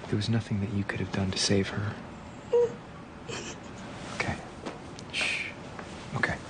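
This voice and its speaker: An actor playing a patient, concerned man who talks softly and calmly. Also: lowish voice, a little slow, noisy background, natural voice. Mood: gentle. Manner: soft, calming. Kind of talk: TV drama acting.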